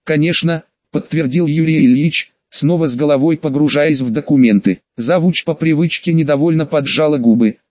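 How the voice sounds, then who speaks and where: A man's voice: fairly high pitch, brisk, hardly any pauses, dry recording. A man reading an audiobook as narrator, voicing the dialogue with little change of voice. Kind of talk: scripted narration. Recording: dull, lo-fi dry audio.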